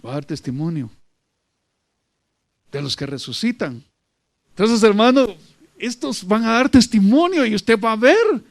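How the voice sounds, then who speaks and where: A high-pitched man preaching with emphatic, repetitive phrasing. He keeps calling out to his listeners as brother. The sound is dry and close, with little room. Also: very animated, a little slow, creaky, long pauses, no room sound. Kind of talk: sermon.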